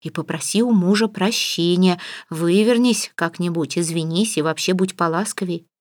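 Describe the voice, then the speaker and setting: A woman's voice: fairly low pitch, normal speed, dry recording, close to an everyday voice. A woman reading an audiobook, voicing a stern, fussy middle-aged mother who scolds and gives orders. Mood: bossy. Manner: scolding, bossy. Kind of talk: audiobook character voice.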